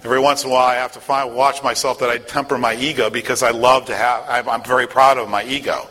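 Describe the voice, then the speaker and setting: A man's voice: medium pitch, little pitch movement, fast talker, pushed and bright, long reverb tail, rough recording. A middle-aged man giving a motivational talk in an earnest, self-deprecating storytelling way. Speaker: speaker sharing a personal story.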